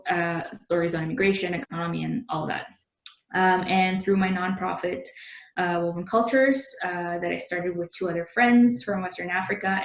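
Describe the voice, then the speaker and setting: A young woman from Indonesia talks into a laptop webcam at home. Her voice sits a little low, and she pauses often with soft fillers as she reflects. The room adds a noticeable echo. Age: young adult. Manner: thoughtful, with frequent "um" and "uh" fillers. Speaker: business journalist. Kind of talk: personal reflection to camera. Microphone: laptop webcam, close framing.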